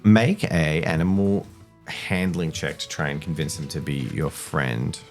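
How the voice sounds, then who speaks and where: A man's voice: a bass voice, fairly even intonation, unhurried. A man running a tabletop game as game master, casually narrating and often stopping to correct himself. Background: music.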